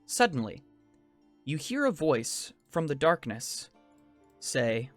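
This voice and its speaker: A man narrating a tabletop fantasy game as game master, in measured, descriptive second-person storytelling. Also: on the high side, sing-song. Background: faint music.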